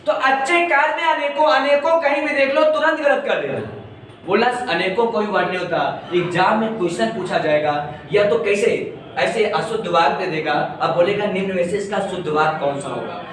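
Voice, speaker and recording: A man's voice: sits high, animated, moderate pace, fairly bright tone. A man teaching Hindi grammar to a class, joking and teasing his students as he corrects sentences. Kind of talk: classroom lecture. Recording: echoey room from far off with class noise.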